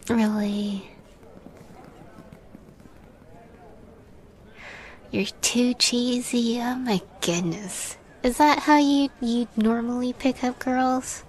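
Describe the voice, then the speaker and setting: A woman takes on the role of a shy catgirl roommate in intimate roleplay audio, her delivery nervous and halting but with a playful side, frequently softening to almost a whisper. She sounds teasing and playful, in a slightly high, steady voice.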